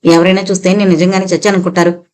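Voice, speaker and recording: An irritable, harassed middle-aged father grumbles and snaps, as a woman narrator reads his lines. He is quick to anger in this audiobook novel. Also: on the low side, little pitch movement, a little mellow, lightly acted. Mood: exasperated. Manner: angry, grumbling.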